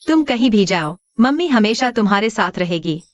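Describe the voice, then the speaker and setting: A woman's voice: medium pitch, expressive, normal speed, no echo, muffled recording, close to an everyday voice. A woman dubbing a cold, vengeful young woman in a drama, with a cool, cutting delivery. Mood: tender. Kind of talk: Hindi dub of a short drama.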